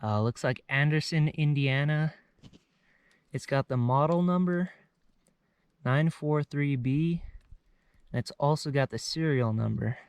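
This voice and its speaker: A man's voice: fairly high pitch, a little slow, pauses often, clean tone, dry recording. Chatty young man narrating outdoors. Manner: chatty, explains what he finds as he goes. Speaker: outdoor explorer and vlogger. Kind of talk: casual narration to camera while hiking. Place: outdoors on a remote mountain slope.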